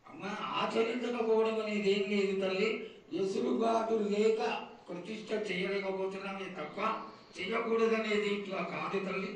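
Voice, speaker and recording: A man's voice: high voice, steady tone, normal speed. A man speaking as a priest at a ceremony, pleading reverently and putting questions in ritual address. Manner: reverent, entreating. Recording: very echoey, distant, noisy public ceremony.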